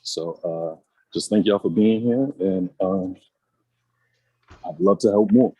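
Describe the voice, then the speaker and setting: A man from New York introducing himself to a meeting in a friendly, relaxed way with many pauses. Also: low-pitched, husky, low-quality recording. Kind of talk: casual self-introduction.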